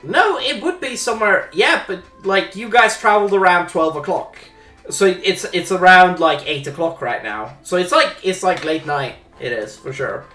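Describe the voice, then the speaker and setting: A man acting as game master in an online tabletop game, halting and often rephrasing himself. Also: high-pitched, expressive, sharp tone. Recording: roomy, echoey microphone with faint music.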